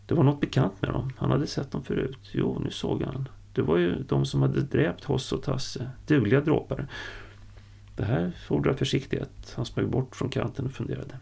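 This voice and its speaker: A man narrating a story audiobook-style in a steady, unhurried way. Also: mid-range voice, vocal fry, slightly rough.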